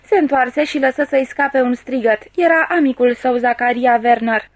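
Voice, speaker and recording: A woman narrating a classic novel as an audiobook, in a steady, measured reading. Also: high-pitched, dry recording.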